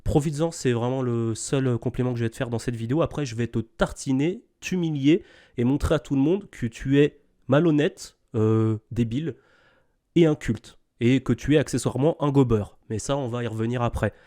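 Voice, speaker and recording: A man's voice: medium pitch, fairly quick, warm tone. A man giving informal, off-the-cuff reaction commentary, scornful and lecturing, checking in with short tag questions. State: sick.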